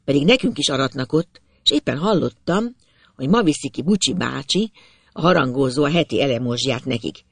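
An expressive reader tells a first-person story aloud. The voice swings freely in pitch with a gravelly texture, recorded close and dry with no room sound. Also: dry recording. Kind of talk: storybook narration.

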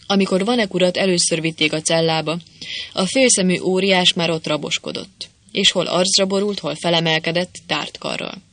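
Bright, dry audiobook narrator. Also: mid-range voice, no room sound. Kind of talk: scripted narration.

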